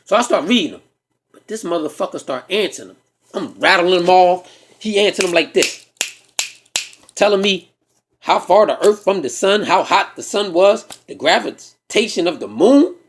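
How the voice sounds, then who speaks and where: A man telling a comic story, animated and profane, acting out the dialogue himself. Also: high-pitched, moderate pace, slight background noise. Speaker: stand-up comedian.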